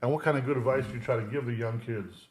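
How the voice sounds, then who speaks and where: Upbeat man hosting a casual sit-down. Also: medium pitch. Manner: upbeat, hyping the guest, quick affirmations. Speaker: interviewer. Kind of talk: casual interview chat.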